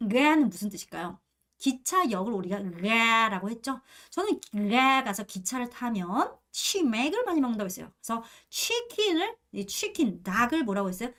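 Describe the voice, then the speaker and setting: Woman, 30s, language teacher with a fairly high voice; lively and playful, repeats sounds slowly in drills. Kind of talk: online pronunciation lesson.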